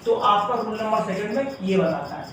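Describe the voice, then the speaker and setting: High-voiced man teaching, echoey room. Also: lively intonation, moderate pace, a bit bright, distant mic, slight background noise. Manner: explains step by step, often says "ठीक है". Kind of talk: classroom grammar lesson.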